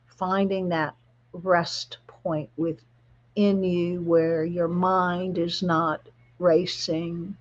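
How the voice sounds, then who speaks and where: A woman spiritual guide leading a guided relaxation meditation in a soft, soothing, spa-like manner. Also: fairly low pitch, dull audio. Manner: soft, soothing, slow-paced spa-like delivery.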